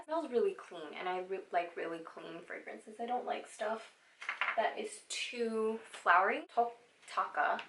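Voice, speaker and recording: Sitting at home, a Southern California vlogger in her thirties works through a get-to-know-me question video, sassy, playful and full of exclamations. Her voice is fairly low, pushed and bright. The sound is roomy and the recording rough.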